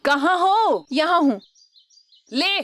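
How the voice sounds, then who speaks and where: A chirpy high-voiced housemaid. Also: female voice, animated, slow, fairly bright tone, no echo, full character voice. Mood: chatty. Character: young housemaid.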